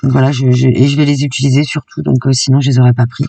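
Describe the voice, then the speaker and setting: Gravelly-voiced woman chatting through a haul. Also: rumbling low, flat delivery, fast, warm tone, no echo, far from the mic. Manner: chatty and enthusiastic, peppered with "hein". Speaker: craft YouTuber. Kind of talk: casual shopping haul vlog.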